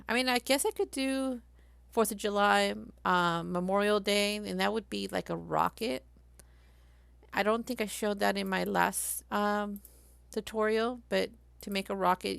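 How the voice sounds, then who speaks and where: A woman live-streaming a craft software tutorial, chatty and thinking aloud as she works. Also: mid-range voice, vocal fry, smooth, no echo.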